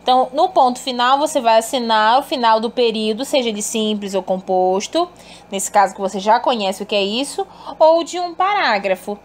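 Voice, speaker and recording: Woman teacher going through a lesson, kinda high voice, calls the kids sweet names. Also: fairly quick, slight background noise. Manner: explanatory, addresses pupils fondly. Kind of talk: recorded online lesson.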